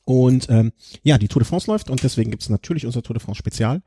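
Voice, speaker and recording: A man hosting a podcast in casual conversation, with a husky, raspy voice. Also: mid-range voice, expressive, fast, mellow. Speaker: podcast host.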